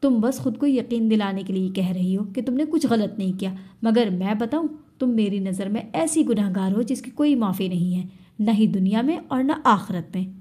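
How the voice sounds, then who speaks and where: A woman's voice: mid-range voice, animated, normal speed, lightly acted. A woman voicing a furious young man who hurls bitter accusations in an Urdu audio story. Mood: angry. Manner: shouting, bitter reproach.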